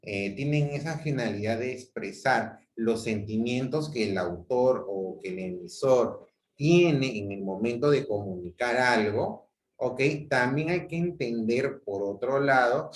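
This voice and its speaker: Male teacher on a video call, mid pitch, roomy echo, explains patiently and repeats himself. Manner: explanatory, repeats himself and self-corrects often. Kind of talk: online grammar class. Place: home room on a video call. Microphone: video call mic.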